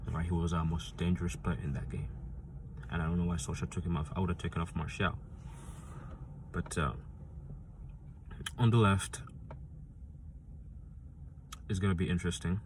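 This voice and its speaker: Background noise runs beneath a man's low voice as he hosts a casual football prediction vlog. He speaks at normal speed with fairly even intonation and pauses often. Rambling and insistent, he repeats himself with frequent restarts and fillers.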